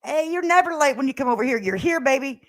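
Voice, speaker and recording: High-pitched, animated and quick, an older woman runs a casual livestream chat, reading viewer comments aloud. She speaks in a sassy, folksy, slangy, plain-spoken manner into a standalone microphone set up at a laptop.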